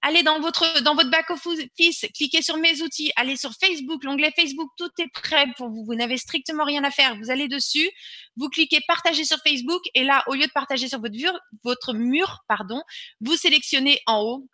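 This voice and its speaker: Woman, high and bright, webinar host demoing her screen, pushes hard and repeats herself. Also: moderate pace, no echo. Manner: insistent, repeats words for emphasis. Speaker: webinar presenter. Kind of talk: online webinar with screen-share demo.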